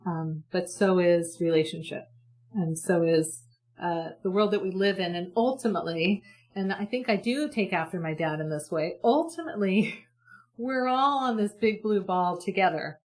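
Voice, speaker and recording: With a lowish, darkish voice at normal speed, a woman being interviewed discusses communication earnestly and with hope. The exchange is conversational, and she frequently starts her thoughts over.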